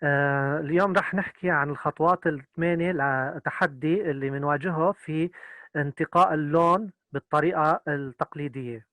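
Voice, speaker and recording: A man's voice: fairly high pitch, very fast, a bit bright, no room sound. A man, interpreting a lecture consecutively and hesitating with many filler sounds.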